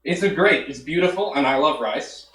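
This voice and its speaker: A man's voice: a little high, expressive, normal speed, fairly bright tone, reverberant, rough recording. A man with an Australian accent calling in to a chat show, delivering an opinion in a laid-back, hesitant way. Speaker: caller. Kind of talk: casual chat.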